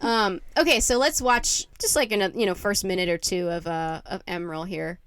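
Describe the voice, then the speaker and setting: A woman's voice: medium pitch, normal speed, fairly bright tone, smooth, no echo. A woman co-hosting a podcast in casual chat, talking in a chatty, laughing way full of filler words. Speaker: podcast co-host.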